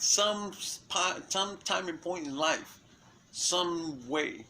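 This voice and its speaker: A man talks off the cuff in a long rambling monologue, often stalling on fillers and restarting his sentences. His voice sits a little high and comes across bright and forceful, with a faint hum of background noise, and he swears freely as he goes. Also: rough recording. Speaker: self-styled messenger giving a prophecy.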